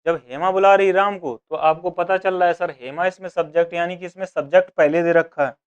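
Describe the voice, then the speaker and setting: Man teaching grammar, smooth clear voice. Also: high voice, fairly even intonation, brisk, lo-fi sound. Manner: asks and answers his own questions, voicing students. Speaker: exam coaching teacher. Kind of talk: grammar lesson for exam prep.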